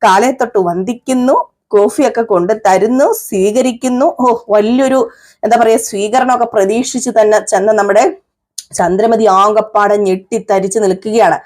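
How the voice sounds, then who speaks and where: A woman's voice: medium pitch, fairly even intonation, moderate pace, a little mellow. A woman chattily retelling a TV serial episode and acting out the dialogue herself. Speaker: serial recap reviewer. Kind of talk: casual storytelling recap.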